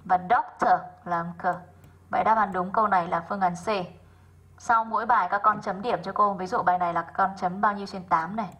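A woman English teacher, going through worksheet answers in an online class, slowing down to sound out each example word and calling on students by name. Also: mid-range voice, steady tone, a bit bright, slightly rough, lo-fi sound. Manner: methodical, slows down to sound out example words.

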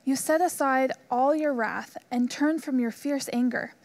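A young woman reading scripture aloud in a church room, at a measured, even pace. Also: sits high. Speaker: scripture reader.

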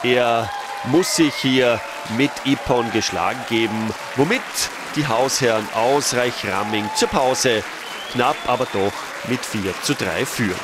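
A sports commentator gives a matter-of-fact recorded voice-over of a match, raising his voice at key moments. His voice is medium in pitch and unhurried, the audio is very noisy, and a crowd cheers in a sports hall.

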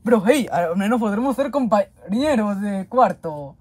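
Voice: medium pitch, animated, a little slow, a little mellow, slightly rough. A performer voicing a sheepish pig king who rambles through excuses.

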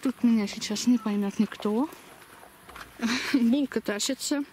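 Walking outside along a village street, a young woman chats into a handheld camera at arm's length, her slushy lisp turning s sounds into sh. Her voice is a little high, unhurried and darkish in tone, on a noisy outdoor camera recording.

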